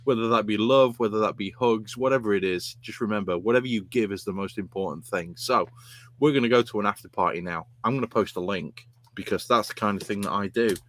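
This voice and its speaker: A man's voice: on the low side, a little fast, no echo. Rowdy sweary man hosting a beer podcast. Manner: boisterous, rambling, sweary. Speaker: podcast host. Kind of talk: casual chat, sweary sign-off.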